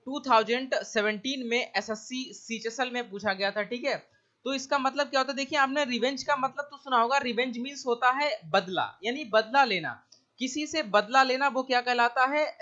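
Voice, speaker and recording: Man, Hindi accent, online English lesson, bright voice, keeps checking in, dull recording. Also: very high-pitched. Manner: explains each word slowly with repeated checks like "theek hai". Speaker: English teacher. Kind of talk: online exam-prep lecture.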